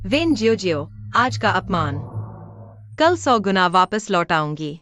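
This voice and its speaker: A woman's voice: medium pitch, big pitch swings, a little slow, a bit bright, no echo, faint music behind. A woman voicing a defiant, wronged young orphan woman who vows revenge in a dubbed drama. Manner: defiant, vengeful.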